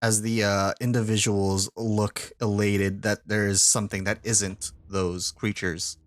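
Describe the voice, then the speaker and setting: A man's voice: on the low side, level tone, unhurried, no echo. Laughing man running a tabletop game. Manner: laughs often while narrating. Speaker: game master. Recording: faint music behind.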